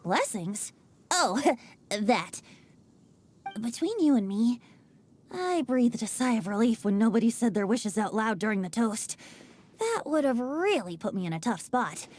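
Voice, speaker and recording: A woman's voice: fairly high pitch, sing-song, unhurried, darkish tone. A woman voicing a playful, wine-loving wind god who takes the form of a youthful bard in a video game, teasing and laughing often. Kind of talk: video game character dialogue. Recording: game audio with faint music.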